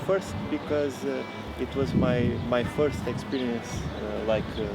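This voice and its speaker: A man's voice: mid-range voice, a little slow, creaky, heavy background noise. A man from Portugal with a Portuguese accent, a painter answering interview questions hesitantly. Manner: hesitant, many fillers. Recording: loud music behind the voice.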